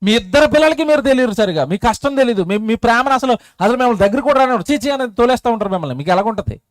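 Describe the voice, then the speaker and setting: A man preaching a sermon at a public meeting, asking the crowd rhetorical questions and swinging between loud and soft. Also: very high-pitched, lively intonation, very fast, dry recording, clean studio sound.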